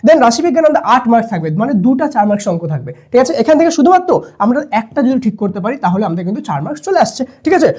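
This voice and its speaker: A young man teaching students quick exam tricks as a math tutor. He keeps checking in with "okay?" and answers questions he voices for the students himself. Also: very high-pitched, sing-song, a little mellow. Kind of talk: fast exam-tips lesson to students.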